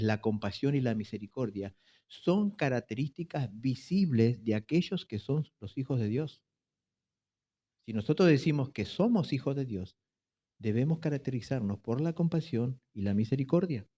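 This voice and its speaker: A pastor with an Argentine Spanish accent preaching a sermon slowly and emphatically, repeating key phrases. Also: male voice, mid-range voice, mellow. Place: church. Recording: echoey church hall, mic from a distance.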